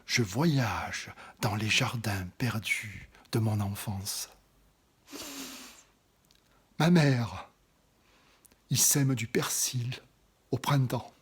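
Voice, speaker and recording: The poem is read by a man at medium pitch, his voice carrying a breathy edge. His delivery is slow and dramatic, often hushing to an intimate whisper and rising louder at certain moments.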